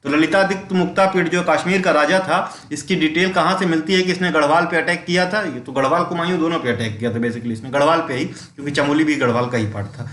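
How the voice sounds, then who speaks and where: A man's voice: a little high, fairly bright tone. A man, giving a step-by-step exam-prep history lecture, asking questions and answering them himself. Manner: explains step by step, asks and answers own questions, keeps saying "ठीक है"; reads English quiz questions slowly, mixes English terms into Hindi. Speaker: exam coaching teacher. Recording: echoey room.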